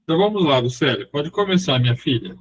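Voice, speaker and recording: A man's voice: on the high side, expressive, fast, a little hiss or hum. A man coordinating a study-group meeting on a video call, friendly and brief. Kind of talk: casual chat, organizing a meeting.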